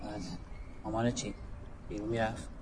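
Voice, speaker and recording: Soft-spoken dad coaxing answers from his kid, played by a man, set back from the mic, hissy. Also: lowish voice, flat delivery, lightly acted. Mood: gentle. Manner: gentle, probing questions. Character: father questioning his young son. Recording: noisy film soundtrack, voice from a distance.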